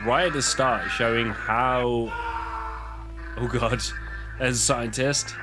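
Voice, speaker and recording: A man's voice: medium pitch, fairly even intonation, slow pace, loud music behind the voice, poor audio. A man in his thirties, groggy and congested from a cold, giving casual reaction commentary as a video host into a close desk microphone. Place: small bedroom studio, indoors.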